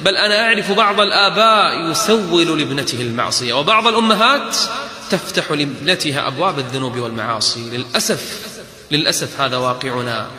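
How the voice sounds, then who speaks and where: A male preacher tells a moral story with passion and exhortation. His voice is a bit high for a man, bright and forceful. Long reverb from a large hall surrounds it. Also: fast talker. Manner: impassioned, exhorting. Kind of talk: storytelling sermon.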